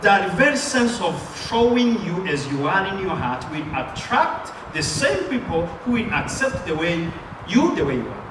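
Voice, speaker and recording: Here a Rwandan preacher delivers a call-and-response sermon with emphasis, leaving room for an interpreter. His voice sits high and sing-song at a normal speed, picked up at a distance in a noisy, echoing room.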